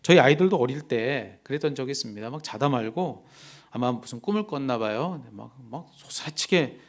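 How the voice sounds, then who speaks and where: Male pastor, sermon, gravelly, mid-pitched, loud emphasis and soft whispers. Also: expressive, a little fast.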